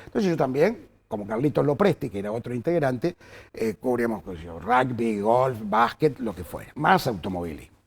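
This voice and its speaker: In a gravelly, slightly rough mid-range voice at normal speed, an older man with a Córdoba Argentine accent shares career stories in conversation. He's a journalist being interviewed, lively in his telling but full of fillers and false starts.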